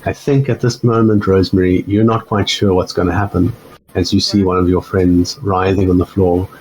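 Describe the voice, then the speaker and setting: A man's voice: low voice, level tone, normal speed, a little mellow, slight background noise, rough recording. A man narrating as game master of a tabletop game, rambling with fillers and self-corrections.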